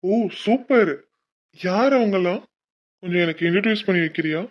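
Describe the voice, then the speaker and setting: A man's voice: sits high, lively intonation, moderate pace, lo-fi sound. A man voicing a young male college senior in a cartoon, teasing and affectionate. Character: young male college senior, playful then tender husband. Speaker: voice actor for a cartoon. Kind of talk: cartoon dialogue.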